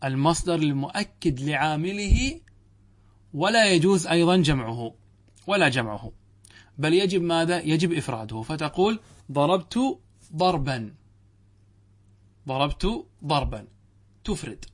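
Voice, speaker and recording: A middle-aged man teaches a grammar lesson as a sheikh, and his voice sits somewhat higher than most men's. He reads a passage aloud, then works through it in plain classroom commentary. He keeps checking that his students follow with short rhetorical questions. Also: lively intonation, normal speed. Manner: quizzes listeners with rhetorical questions; reads verse and text aloud, then explains it.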